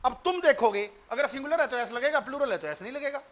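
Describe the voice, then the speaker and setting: An Indian math teacher with an unusually high voice walks students through a statement step by step. His tone is bright and forceful. He repeats his points and keeps asking the class questions, moving between Hindi and English as he goes. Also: animated, fast talker. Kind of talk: online demo math lecture.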